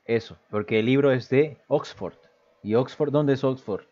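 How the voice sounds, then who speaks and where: A man's voice: medium pitch, moderate pace, warm tone. A man teaching aviation English on a casual livestream, greeting viewers and reading English phrases aloud between explanations. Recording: dull lo-fi stream audio.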